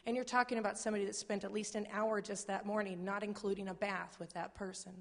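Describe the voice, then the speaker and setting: Croaky-voiced woman speaking up in a hall. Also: mid-range voice, flat delivery, fast. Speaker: audience member asking a question; healthcare worker. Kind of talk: spontaneous public comment. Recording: echoey hall, long reverb.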